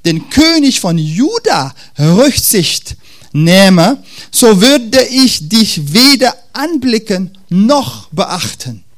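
A defiant old prophet, played by a preacher, brushing off a king in stiff, formal phrases. The delivery is slow and deliberate, with lively rises in pitch. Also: exaggerated voice. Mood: stern. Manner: formal, cheeky. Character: curt, defiant ancient male prophet scolding a king.

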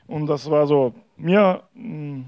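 A man preaching a sermon, telling a parable in a halting way with frequent hesitations. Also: a little high, darkish tone, no room sound.

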